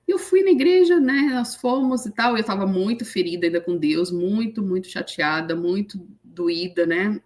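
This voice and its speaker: Woman, thirties, emotional storytelling, animated, acts out quotes, interview guest. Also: mid-range voice, moderate pace, hardly any pauses. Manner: animated retelling with acted quotes.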